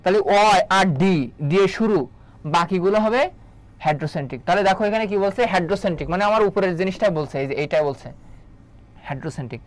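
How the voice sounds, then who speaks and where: A man teaching an online exam-prep biology class, quizzing students and repeating key terms to drill them. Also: high-pitched. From Bangladesh. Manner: quick, drilling delivery.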